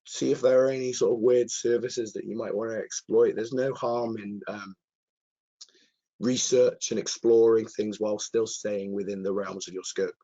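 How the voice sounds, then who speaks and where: Croaky hoarse guy doing a live webinar q&a, keen and wordy, slightly muffled audio. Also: lowish voice, steady tone, moderate pace, warm tone. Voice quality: croaky, husky. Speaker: presenter, cyber security content author. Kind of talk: live webinar question-and-answer, casual professional.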